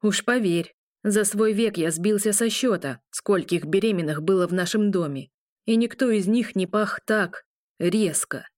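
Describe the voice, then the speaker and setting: A woman's voice: medium pitch, unhurried, darkish tone, no echo, studio quality, close to an everyday voice. A woman voicing a tense young werewolf man who cracks nervous, sardonic jokes. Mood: wry. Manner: wry, nervous joking.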